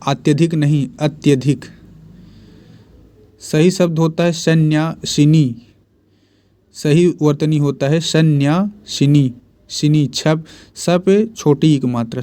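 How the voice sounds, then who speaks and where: A man's voice: fairly high pitch, dark tone. A man teaching Hindi spelling and grammar for exams, repeating each word and answering his own questions. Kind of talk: exam-prep lesson.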